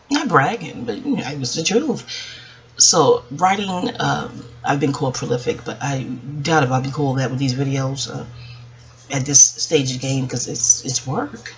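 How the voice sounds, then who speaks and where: Keeping her low, gravelly voice hushed so nobody wakes, a vlogger in her forties chats reflectively with her viewers from a dark, quiet room at home. She's hesitant and drifts off on tangents. The recording sounds muffled and dull, lo-fi with a faint hum of background noise.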